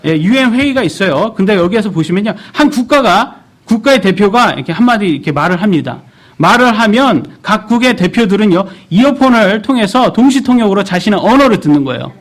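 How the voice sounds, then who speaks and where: Quizzing the congregation along the way, a thirtysomething man preaches with animation in church. His delivery is brisk and his voice high.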